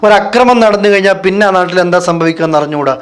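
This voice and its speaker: High-voiced preacher. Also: male voice, racing. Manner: asks rhetorical questions and answers them himself. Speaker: Islamic preacher. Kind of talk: religious lecture.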